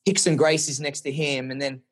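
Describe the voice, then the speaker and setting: Excitable Australian man, husky voice. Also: a little high, a little fast. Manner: excitable, swears, animated storytelling. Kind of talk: casual podcast conversation.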